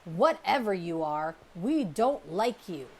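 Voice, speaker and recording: A woman's voice: fairly low pitch, sing-song, slow, a little hiss or hum, exaggerated voice. A woman voicing a young male bear, a whiny copycat little brother, in a storybook reading. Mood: threatening.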